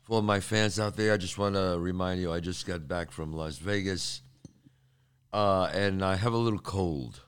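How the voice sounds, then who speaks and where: An older man hosts his podcast, delivering a casual monologue to listeners in a streetwise, chatty way, repeating himself and sounding like he has a cold in his throat. His voice is low, clear and resonant, at a moderate pace.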